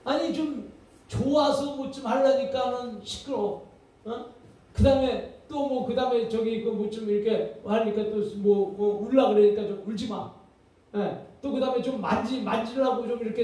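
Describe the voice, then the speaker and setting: A man's voice: sits high, dark tone. A man giving a lecture on parenting, talking conversationally and quizzing his listeners with rhetorical questions. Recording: echoey hall from far off.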